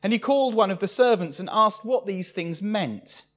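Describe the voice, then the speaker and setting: A man preaching a sermon, expressive and acting out the lines he quotes. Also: sits high, moderate pace.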